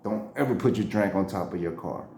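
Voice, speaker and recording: A man's voice: low-pitched, a little fast, creaky, dark tone, slight background noise. Slangy man telling a story, roomy. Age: around 40. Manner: slangy, laughs often, acts out quotes. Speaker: storyteller, channel host. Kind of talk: casual storytelling. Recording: roomy echo.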